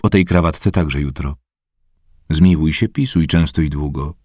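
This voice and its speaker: A man reading an old personal letter aloud in a conversational, expressive way. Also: rumbling low, a little slow, dry recording, studio quality.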